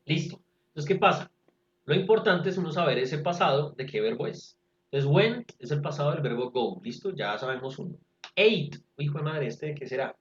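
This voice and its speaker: Patient male tutor, slightly raised pitch, dull roomy video-call sound. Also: animated, moderate pace. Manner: patient, explaining step by step. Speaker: English tutor. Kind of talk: virtual class teaching.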